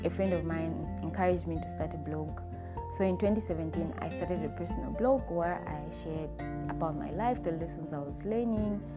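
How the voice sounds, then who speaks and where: Woman, 20s, podcast host, low voice, earnest, music behind. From Zambia. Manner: earnest and upbeat. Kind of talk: solo podcast monologue.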